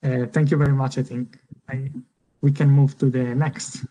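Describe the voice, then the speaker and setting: A man's voice: mid-range voice, level tone, moderate pace, warm tone, poor audio. A man, an assistant professor, introducing his research on a video call, hesitant with many fillers. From Italy. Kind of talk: online panel self-introduction.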